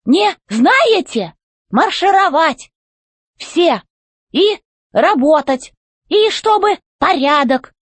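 Woman doing a shrill bossy robot chief. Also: big pitch swings, slow pace, long pauses, no echo, heavily acted. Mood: barking orders. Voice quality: creaky, squeaky voice. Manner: barks orders, shouts.

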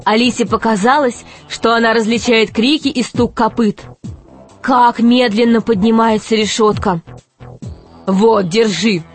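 A woman narrating a children's fairy tale in a lively, expressive way. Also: a little high, normal speed, soft background music.

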